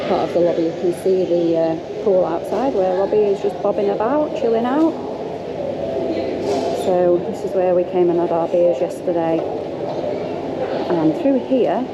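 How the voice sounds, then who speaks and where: A middle-aged woman gives a chatty, lively walking tour of a hotel lobby and garden, talking into a handheld phone. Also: lowish voice. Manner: chatty, lively, pointing things out as she walks. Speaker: travel vlogger. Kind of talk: casual walking tour commentary. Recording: loud outdoor background noise.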